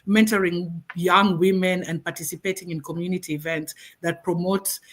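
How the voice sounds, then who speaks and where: A woman's voice: fairly low pitch, fairly even intonation, normal speed. Hesitant woman guest on a panel. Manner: hesitant, many filler sounds. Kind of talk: casual panel talk.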